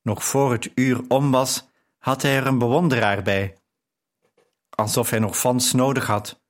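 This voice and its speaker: A male narrator reading a novel aloud in the first person. His delivery is slow, calm and measured, at a middle pitch. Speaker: audiobook narrator.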